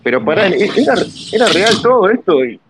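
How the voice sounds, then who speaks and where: A young man with an Argentine accent bantering with housemates, firing quick, crude, exasperated jibes. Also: high-pitched, big pitch swings, crowd noise. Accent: Argentine Spanish. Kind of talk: casual banter among housemates. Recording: dull sound with clear noise.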